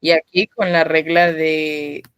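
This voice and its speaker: Low-pitched lady teacher running an online class, slow and patient, calls on students by name. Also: level tone, fairly bright tone, clear, resonant tone, no echo. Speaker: Korean teacher.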